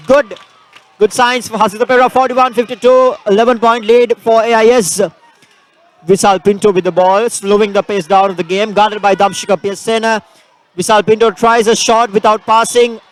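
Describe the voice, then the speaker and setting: A man calling a school basketball final live, rattling off passes and scores with frequent fillers. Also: high-pitched. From Sri Lanka. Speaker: basketball commentator. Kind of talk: live sports play-by-play.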